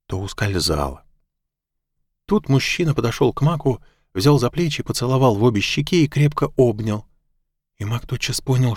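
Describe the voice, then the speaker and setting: A man narrating an audiobook in a measured, even reading. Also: fairly low pitch, no echo, studio quality. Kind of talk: scripted narration.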